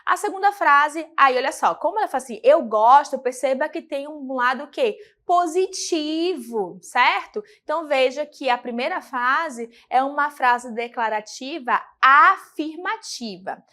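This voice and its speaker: Brazilian teacher lady, high voice, explains slow and answers her own questions. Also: a bit bright. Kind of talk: recorded school lesson.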